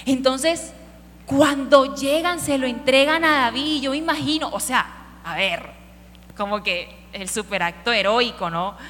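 Woman preacher, animated storyteller who questions the audience, echoing hall. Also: high voice, a little slow. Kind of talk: sermon. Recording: hall reverb with faint music.

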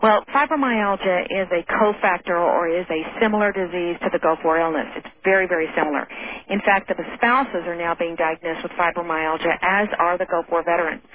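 A woman's voice: lowish voice, a little fast. A woman guest on a call-in radio show heard over the phone, speaking earnestly and firmly. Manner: earnest, firm, emphatic. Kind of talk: call-in radio advocacy talk. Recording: tinny phone line with faint noise.

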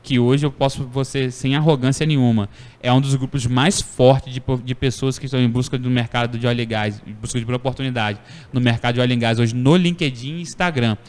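A man hosting a casual podcast conversation, telling stories in a playful, animated way. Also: mid-range voice, brisk, clear, resonant tone, in a large hall. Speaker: podcast host.

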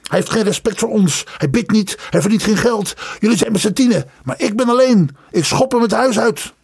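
Guy putting on a screechy old dad losing it, way high, yelling, kinda gravelly. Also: animated, normal speed, exaggerated voice. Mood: raging. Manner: shrieking, furious ranting. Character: raging miserly old father, tyrant.

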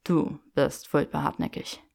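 A woman voicing a lovestruck young wizard, speaking low and wry. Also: little pitch movement, unhurried, gravelly, a little mellow, full character voice. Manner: murmured, wry.

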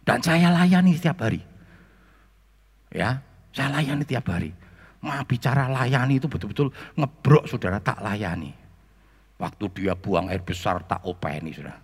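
Male pastor, lively and animated storytelling sermon, echoing church hall. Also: medium pitch, normal speed, pauses often, husky. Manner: animated, addresses the congregation as "Saudara".

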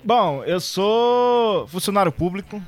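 Brazilian guy, high voice, drops dry little jokes on a podcast. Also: lively intonation, takes it slowly, soft background music. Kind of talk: casual podcast chat.

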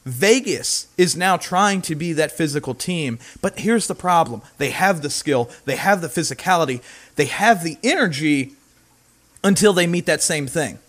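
Man, hockey talk show host, opinionated, emphatic, pitch jumps for emphasis, a bit high-pitched. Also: lively intonation, moderate pace, fairly bright tone.

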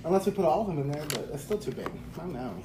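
A woman's voice: deep voice, lively intonation, very fast. A woman chatting casually with a friend, teasing and laughing often. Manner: giggly, teasing. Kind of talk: casual chat. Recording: roomy with loud noise.

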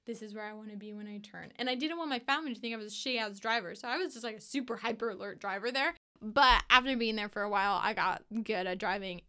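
A young American woman with a bright, smooth voice on the higher side. She talks casually and emphatically, like a solo host telling stories. She swears freely as she chats. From United States. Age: young adult. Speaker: podcast host.

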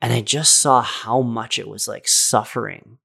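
A man's voice: medium pitch, steady tone, a little slow, creaky, pushed and bright, breathy edge. A young adult man telling a spiritual story in casual chat, earnest and rambling, with lots of fillers. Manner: rambling and earnest, full of "like" and "right?".

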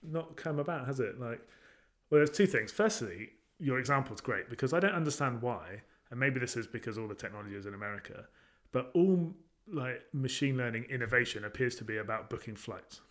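Male co-host, mid-pitched, casual and musing, full of fillers and restarts. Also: animated, brisk, fairly bright tone. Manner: thoughtful, questioning, many fillers and restarts. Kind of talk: casual chat.

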